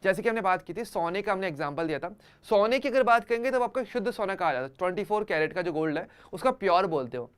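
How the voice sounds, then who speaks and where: A man's voice: sits high, lively intonation, fast, clean tone. A man teaching an online chemistry class for exam students, conversational, using everyday examples and often checking that students follow.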